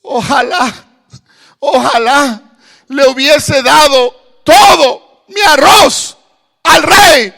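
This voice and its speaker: A stubborn, selfish poor beggar, as a preacher puts him on in a sermon story. He clings to what little he has, his voice pushed high and loud, close to shouting. He drags out his words. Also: animated, unhurried. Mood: wailing. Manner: pleading, shouting protests.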